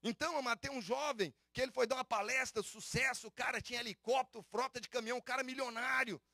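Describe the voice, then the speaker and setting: A man preaching a fervent sermon, calling the congregation beloved and brothers and rising to shouts on key phrases. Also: extremely high pitch, steady tone, fast, vocal fry, no room sound, clean studio sound. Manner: addresses listeners as "amado" and "irmão". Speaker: pastor. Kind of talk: Pentecostal-style sermon.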